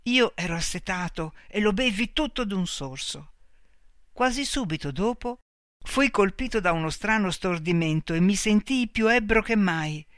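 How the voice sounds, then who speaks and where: A man narrating an audiobook in an expressive, lively way. His voice sits fairly high, and the recording is dry and close, with no echo at all. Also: normal speed. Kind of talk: audiobook reading.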